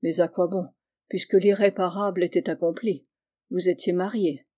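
A reader voicing a troubled young man who speaks earnestly and deliberately in an audiobook. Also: medium pitch, steady tone, mellow, lightly acted. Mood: regretful. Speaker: character in a novel reading. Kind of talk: dramatic audiobook reading.

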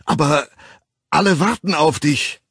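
A man reading an audiobook voices an anxious, high-strung young man who pleads loudly and shrilly. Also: measured pace, creaky, slightly rough, dry recording, studio quality, heavily acted. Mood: desperate pleading.

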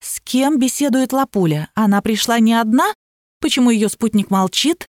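A woman narrating a comic novel in first person with a lively, ironic manner. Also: fairly high pitch, normal speed, dry recording, clean studio sound. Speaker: audiobook narrator.

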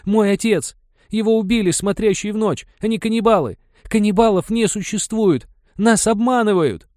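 A man's voice: mid-range voice, brisk, no room sound, studio quality, pitched above the performer's own voice, natural voice. A man voicing an agitated young tribesman who argues urgently with his mother. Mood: shouting. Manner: urgent, pleading then yelling.

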